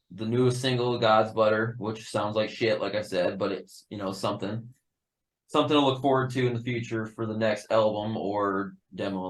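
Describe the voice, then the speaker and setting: A man with a fairly low voice talks casually as a guest in a band interview. He is laid-back, laughs a lot and swears freely. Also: low-quality recording. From Upper Peninsula of Michigan.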